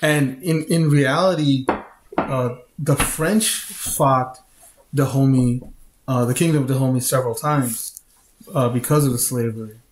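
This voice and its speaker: A man co-hosting a podcast, explaining at a measured pace and stumbling over repeated words. His voice is middle-pitched. It echoes around the room. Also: a little hiss or hum. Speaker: podcast co-host. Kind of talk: casual chat.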